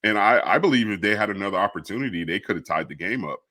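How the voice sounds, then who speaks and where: A man with a low voice gives his opinions on the game bluntly and calls things as he sees them. His voice is close to the mic and dry, with no echo. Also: lively intonation, fast, pushed and bright. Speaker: co-host. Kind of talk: casual sports talk.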